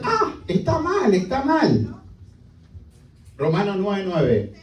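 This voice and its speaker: A man's voice: fairly high pitch, warm tone. A male pastor preaching a sermon emphatically, with many rhetorical questions. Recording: echoey hall, distant mic.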